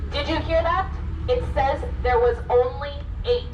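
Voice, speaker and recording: A woman working as a ghost tour guide, telling scripted spooky stories theatrically, with deliberate dramatic pauses. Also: sits high. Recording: muffled, noisy recording from a distance.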